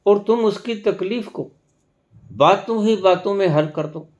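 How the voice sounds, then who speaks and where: A man giving a spiritual discourse as a teacher, speaking slowly and emphatically with long pauses. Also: sits high, a little mellow, muffled recording. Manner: slow, emphatic, with long pauses and rising stresses.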